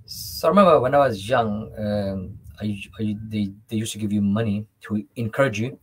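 A young man with a fairly low, husky voice talks as an interview guest. He speaks conversationally and haltingly, doubling back on words as he explains himself. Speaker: interview guest, devotional singer. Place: small room indoors on a video call.

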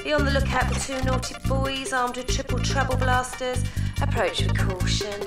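A stern cartoon store security announcer calling out over the loudspeaker, high and swooping in pitch. The announcement sounds echoey and far from the mic, with loud music playing underneath. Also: female voice, big pitch swings, normal speed. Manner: official, commanding announcement tone.

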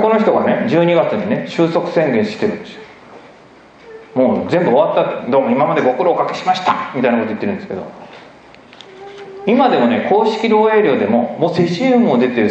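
A man giving an emphatic, animated public lecture with slides, often asking the audience questions. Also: mid-range voice, a little hiss or hum. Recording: echoey hall, dull lo-fi recording.

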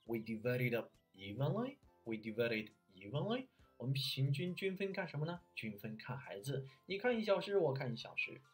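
Lively husky-voiced male English coach. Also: on the low side. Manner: energetic teacher, switching between Chinese and English. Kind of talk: language lesson.

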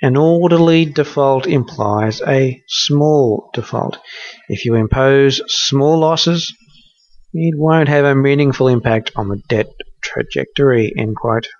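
A man reading financial news for a podcast in a measured way, marking quotes aloud. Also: mid-range voice, lo-fi sound.

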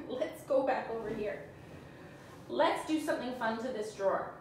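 A chatty Canadian woman who tutors furniture painting sits on the floor in a small indoor room, talking to viewers during a live painting demo and teasing herself as she works. Her voice is a little high, unhurried and a little mellow. The camera on a stand a few feet away picks her up far from the mic, in an echoey room with background hum.

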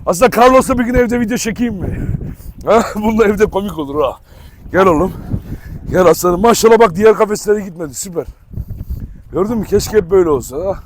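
High-voiced man chatting in a dog yard. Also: brisk, pauses often, slight background noise. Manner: chatty, talks to viewers and calls to his dogs. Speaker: dog breeder and channel host. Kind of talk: casual vlog commentary. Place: outdoor yard with dog kennels.

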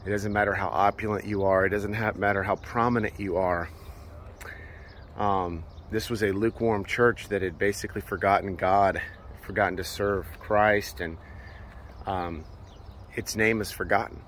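A preacher vlogger in his thirties films himself on a phone held at arm's length while walking through ancient ruins on an open hillside. His lowish voice is fairly bright with fairly even intonation and a moderate pace, over a little hiss or hum. He preaches earnestly, using many filler words.

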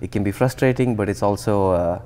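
A fairly quick speaker on the low side, this Indian man in his thirties is a guest researcher describing his path. The conversational interview is relaxed and thoughtful, with frequent restarts and fillers. It takes place in an indoor atrium with plants and glass, captured on a lapel mic.

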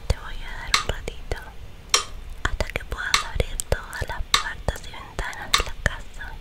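A young woman with a Rioplatense Spanish accent whispers a guided ASMR visualization close to the microphone, giving soothing instructions with long pauses. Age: young adult. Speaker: ASMR host guiding a relaxation visualization. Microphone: close large studio microphone.

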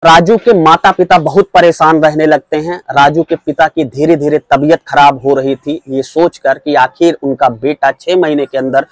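A man narrating a true-crime story in steady storyteller fashion, often repeating his phrases. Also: on the high side, moderate pace, few pauses, no echo, poor audio.

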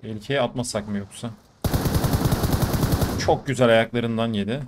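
A man giving casual running commentary over mobile shooter gameplay, talking to his viewers with sudden bursts of excitement. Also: mid-range voice, moderate pace, very noisy. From Turkey. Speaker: gaming YouTuber.

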